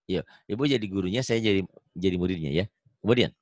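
A man teaching a beginner's Quran reading lesson over a video call, modelling syllables loudly and coaxing his student with jokes. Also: low voice, quick pace, no room sound. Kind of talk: online one-on-one reading lesson.

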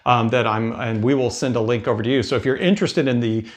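Speaking quickly with fairly even intonation, a mid-range American man in his fifties explains cruise tips as a casual video host. The setting is an indoor room with bookshelves, and he wears a lapel mic.

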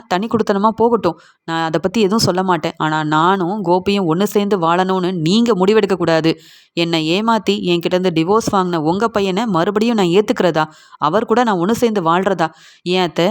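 Serial recap: woman doing a firm, reproachful middle-aged wife, lecturing steadily at mid pitch. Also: lightly acted. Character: defiant middle-aged woman scolding her mother-in-law. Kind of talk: retelling a TV serial scene.

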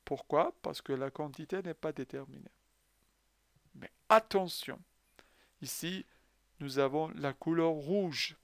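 A man teaching a French grammar lesson, speaking slowly and patiently with a slightly high, smooth voice. He asks questions and answers them himself, and his first language is Persian. The sound is close and dry. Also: no room sound.

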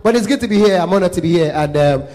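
A man with a Nigerian accent doing live stand-up comedy, animated, slipping into Pidgin and Yoruba and loud put-on voices. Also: sits high, very fast. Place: live comedy show venue.

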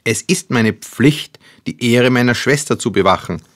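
A man voicing a hot-headed, self-righteous youngest brother who talks excitedly and insistently. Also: medium pitch, moderate pace, no echo, clean studio sound, pitched above the performer's own voice, close to an everyday voice.

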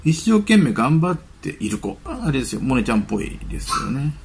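A man's voice: a little high, sing-song, fairly quick, gravelly, slight background noise. A man hosting his own channel, reading celebrity news items aloud and breaking off into chatty, musing asides. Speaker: channel host. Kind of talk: casual commentary on celebrity news.

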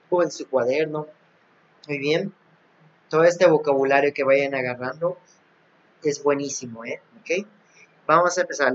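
Male teacher, mid-pitched, slow and repetitive, lo-fi app recording. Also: fairly bright tone. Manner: repeats and translates each English phrase. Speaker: English teacher. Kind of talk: recorded class for young pupils. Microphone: recording app, device not seen.

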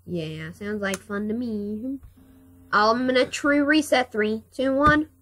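A woman's voice: fairly high pitch, slow pace, a bit bright. A woman hosting a video game playthrough with casual commentary. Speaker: gamer, host. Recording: game music under the voice.

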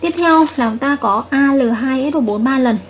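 A woman's voice: high-pitched, normal speed, slight background noise. A woman chemistry teacher giving a recorded video lesson, patiently repeating each point and checking with her students.

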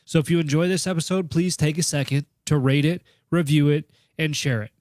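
A man's voice: a little high, steady tone, a little fast, a little mellow, no echo, clean studio sound. A man hosting a podcast while sick, his voice nasal, with a joking, self-deprecating manner. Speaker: podcast host. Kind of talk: podcast intro.

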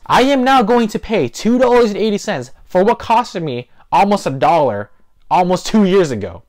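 Hosting an investing video from a small living room, this twenty-something man has a high, slightly mellow voice. Recorded on a lapel mic, he chats casually to camera and leans on key words for emphasis.

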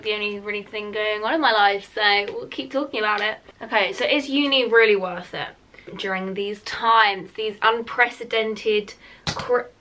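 A twenty-year-old woman with a British accent gives a chatty get-ready-with-me talk to camera, informal and full of "like". Her mid-range voice sounds pushed and bright on a rough recording with some hiss or hum, made indoors in a small home room with the camera a metre or so away.

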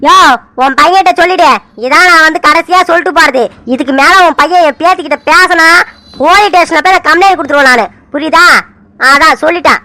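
A woman's voice: extremely high pitch, quick pace, pushed and bright. A woman voicing an angry, stubborn old grandfather in a cartoon serial who scolds and barks demands. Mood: scolding. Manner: scolding, keeps barking "ah?" demands.

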